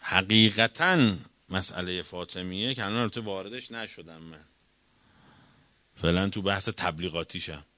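A man lecturing on religion with a bright, forceful tone and a combative, questioning delivery. He swings from loud emphasis to hushed asides. The recording is dry and close. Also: deep voice, no room sound. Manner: argumentative, rhetorical questions, swings between loud and quiet. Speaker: cleric lecturer.

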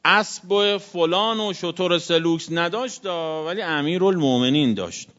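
A male cleric giving a sermon, telling religious stories and swinging between loud exclamations and hushed asides. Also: high voice, animated, highs cut off. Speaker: cleric preacher.

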